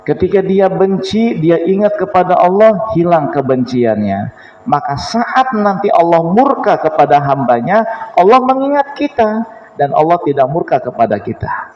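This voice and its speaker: A man's voice: high-pitched, sing-song, normal speed. A man giving a casual, joking sermon to a mosque congregation. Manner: chatty, jokes with the congregation, laughs. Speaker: preacher. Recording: echoey hall, dull lo-fi sound.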